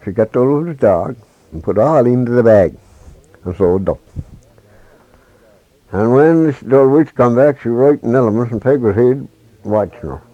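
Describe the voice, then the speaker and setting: A man telling a traditional folk tale in halting dialect speech with many restarts, on a dull lo-fi recording. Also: mid-range voice, dark tone, no room sound. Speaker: storyteller.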